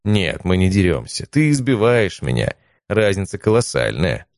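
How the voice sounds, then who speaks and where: A man doing a calm, resolute young swordsman. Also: low voice, moderate pace, no room sound, clean studio sound, heavily acted. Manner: calm, clear, firm.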